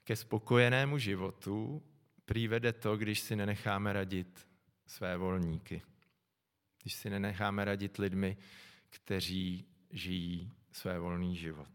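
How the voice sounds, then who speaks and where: A middle-aged man preaching a sermon, calm and reflective, often pausing to think aloud. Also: low-pitched. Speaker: pastor. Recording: long echo from a large hall.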